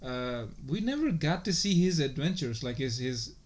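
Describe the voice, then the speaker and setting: A man co-hosting a podcast in loose, casual chat. He rambles and circles back on himself, leaning on "like" and "you know" and swearing freely. His voice sits at an ordinary middle pitch. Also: sing-song, normal speed. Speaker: podcast co-host.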